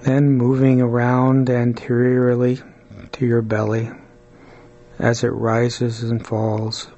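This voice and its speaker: A man guides a body-scan meditation in a calm, soothing way. His mid-pitched voice stays very even and flat, and he leaves long pauses between short phrases. A light hum of noise runs behind him. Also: muffled recording.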